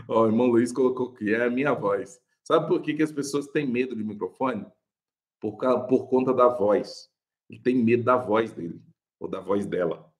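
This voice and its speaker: Speaking with a Brazilian Portuguese accent, a young pastor teaches preaching in a live online session. His medium-pitched voice is unhurried, yet his manner is chatty and animated. He laughs often and calls everyone "gente".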